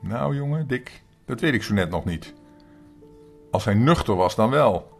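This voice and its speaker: A man's voice: mid-range voice, animated, unhurried, vocal fry, soft background music, voice pushed up. A grandfather doing a sensible village boy. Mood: reasoning.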